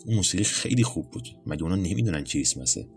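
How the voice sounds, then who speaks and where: A man with a very deep voice voicing an earnest, naive young male soldier who talks plaintively. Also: soft background music. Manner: plaintive, excited.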